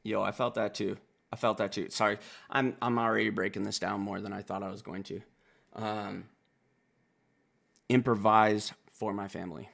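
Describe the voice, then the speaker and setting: A man with a lowish, gravelly voice reacts to a rap album as a reviewer. He talks casually and swears freely, digging into the lyrics with a self-described country boy's enthusiasm. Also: normal speed, faint music behind. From Wisconsin. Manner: animated, profane, self-styled country boy breaking down lyrics.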